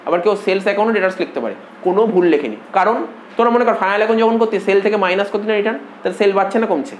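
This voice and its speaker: A man tutoring commerce students in an informal lecture, who repeats himself and keeps checking that they follow. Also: high-pitched. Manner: repetitive, checks understanding often. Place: tutoring classroom. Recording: echoey room, faint background noise.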